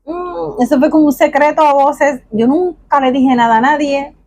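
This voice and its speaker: A middle-aged woman preaching a sermon, telling stories expressively and swinging between raised and hushed delivery. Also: high voice, fairly even intonation, normal speed.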